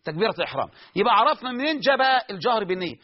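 A man with an Egyptian Arabic accent giving a religious lesson as a preacher, lively, asking his listeners questions and answering them himself. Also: high-pitched, racing, muffled recording.

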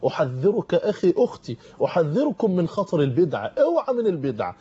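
A man with an Egyptian accent preaches at a rapid clip in a fairly high, husky voice, pressing urgent warnings on his listeners. His tone is dark and mellow, and the studio broadcast has a dull, lo-fi quality. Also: sing-song. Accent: Egyptian Arabic. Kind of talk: televised sermon. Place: television studio.

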